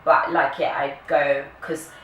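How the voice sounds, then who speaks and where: A woman in her early 30s, originally from Kenya and later based in the UK, chats casually and playfully to camera as a vlogger. Her voice is deep and a bit bright, with a flat, slightly slow delivery. The recording sounds echoey, with a distant mic and faint noise.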